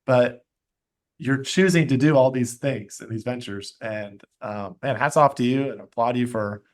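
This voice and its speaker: A man of middle pitch hosting a podcast interview. He talks in a casual, upbeat way, full of "like" and "um". His voice sits in an ordinary register. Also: moderate pace. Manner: casual, upbeat, many "like" and "um" fillers. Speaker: podcast host.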